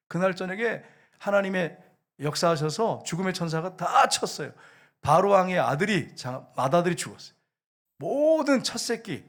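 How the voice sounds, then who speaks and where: A man preaching a sermon as a pastor, with a Gyeongsang accent, speaking straight to the congregation and answering his own questions. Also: fairly high pitch. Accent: Korean, Gyeongsang. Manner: addresses congregation directly, asks and answers questions.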